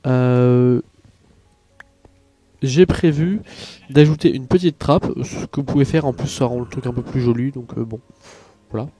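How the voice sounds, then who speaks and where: A man's voice: medium pitch, a little slow, pauses often, warm tone, faint music behind. A tired man narrating a game tutorial in a casual, rambling way, full of hesitations and asides. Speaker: Minecraft tutorial youtuber.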